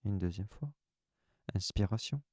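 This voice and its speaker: Deep-voiced man guiding slow relaxation. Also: dry recording, clean studio sound. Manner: calm, soft, unhurried first-person instructions. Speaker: relaxation guide. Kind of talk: guided relaxation session.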